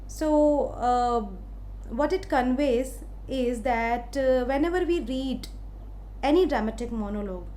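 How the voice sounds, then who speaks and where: A woman from India with an Indian English accent, giving a literature lecture in a slow, explaining way with many hesitant fillers. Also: sits high, dark tone, slight background noise. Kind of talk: recorded lecture.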